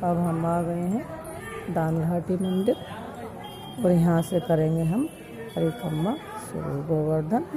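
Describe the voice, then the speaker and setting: A woman's voice: fairly low pitch, slow, long pauses, music in the background. A woman narrating a travel vlog, showing viewers around temples outdoors. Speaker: vlogger. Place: outdoors at crowded temple sites. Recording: crowd noise around. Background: crowd noise.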